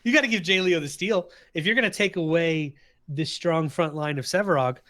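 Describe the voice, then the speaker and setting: A male esports caster with a slightly high voice, hyping a tournament final. He jokes with his co-caster, then settles into quick analysis of the teams. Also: fairly bright tone. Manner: hyped, teasing banter with co-caster. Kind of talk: live esports commentary.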